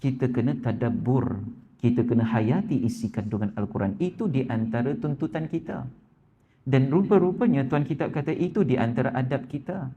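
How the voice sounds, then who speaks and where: At a moderate pace, a man with a Malaysian Malay accent gives an evening Malay religious sermon in a neighbourhood mosque prayer hall. He keeps addressing the congregation and acts out the quoted voices in his stories with a lifted pitch. The recording is lo-fi with slight background noise.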